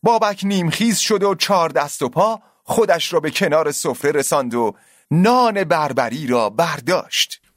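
A male narrator reading a scripted story in a radio drama, his voice fairly high and lively in pitch. The recording is dry and close, with no room sound. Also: dry recording.

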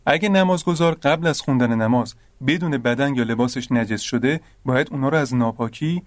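A patient, earnest young roommate, played by a man in a radio drama, with a mid-pitched voice recorded close and dry. He explains things step by step and sounds mildly exasperated. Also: no room sound, close to an everyday voice.

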